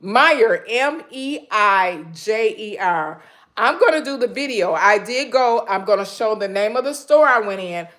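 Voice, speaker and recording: A woman from Michigan, USA, hosts a casual live stream from her home kitchen, talking straight to viewers through a phone camera. She's loud, rambling and chatty, with plenty of ums. Her medium-pitched voice is animated and a little slow.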